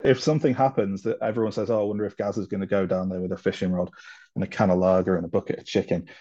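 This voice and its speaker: A man's voice: low-pitched, level tone, racing, mellow. A former radio journalist, a man, telling a story in a chatty, amused way over a video call. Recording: dull lo-fi video call audio.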